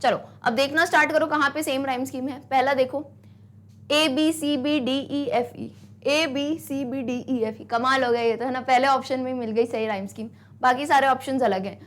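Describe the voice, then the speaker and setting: A woman's voice: high-pitched, steady tone. A woman teacher, encouraging her students with rhetorical questions and mixing English phrases into the lesson. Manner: mixes English into talk; reads poem lines slowly and deliberately. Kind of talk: online class lesson.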